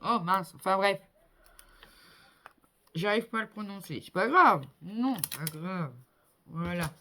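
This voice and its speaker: A middle-aged woman thinking aloud while she works on a craft project. She talks at an unhurried, slow pace, fills her sentences with little hesitations, and keeps a relaxed, chatty tone with her viewers. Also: mid-range voice, slight background noise. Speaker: crafter building a model kit. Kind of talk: casual hands-on crafting commentary.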